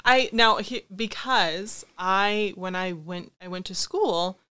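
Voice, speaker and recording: A woman's voice: medium pitch, slow, bright, forceful tone, clean tone. A woman guesting on a podcast, speaking in a candid, reflective and self-deprecating way in casual conversation.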